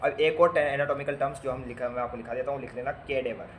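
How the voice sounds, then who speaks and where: A medium-pitched man with a fairly bright tone talks fast with fairly even intonation, and a little hiss or hum sits underneath. He is lecturing nursing students casually on basic medical terms. He spells out word parts, repeats them, and quizzes the class with playful asides.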